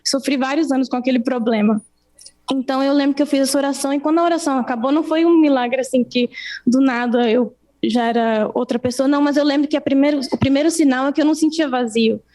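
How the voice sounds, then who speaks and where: A young woman giving an earnest personal testimony in an interview, speaking haltingly with many restarts. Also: high-pitched, steady tone, dark tone.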